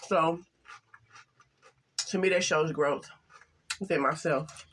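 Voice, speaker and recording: An older woman chatting casually to camera while eating, halting and soft-spoken, with some stutters. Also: low-pitched, steady tone, slight background noise. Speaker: mukbang vlogger.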